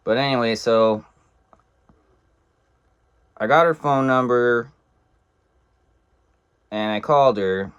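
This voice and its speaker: A man's voice: medium pitch, takes it slowly, long pauses, fairly bright tone, clear, resonant tone, dull audio. A young man telling a casual story in a blunt, profane, rambling way.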